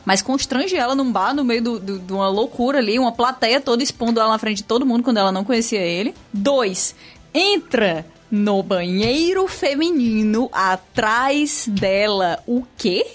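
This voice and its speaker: A woman with a Brazilian accent chatting casually about a film as a panelist, emphatic and incredulous. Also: fairly high pitch. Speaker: podcast panelist.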